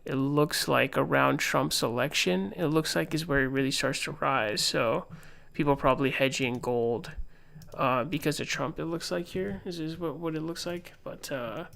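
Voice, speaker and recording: A man's voice: fairly high pitch, creaky, a bit bright. A young man giving casual live-stream political commentary, rambling with lots of fillers and reading posts aloud. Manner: rambling, filler-heavy, reads tweets aloud.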